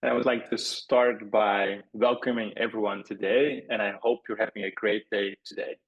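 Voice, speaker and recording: Man, from Belgium, webinar host, measured, welcoming, husky, lowish voice. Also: steady tone, lo-fi sound. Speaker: developer advocate, webinar host. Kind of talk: webinar introduction.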